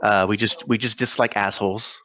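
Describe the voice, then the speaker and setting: A man's voice: fairly low pitch, fairly even intonation, a little fast, sharp tone. A man co-hosting a gaming podcast in casual chat, rambling with many fillers and laughs. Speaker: podcast co-host.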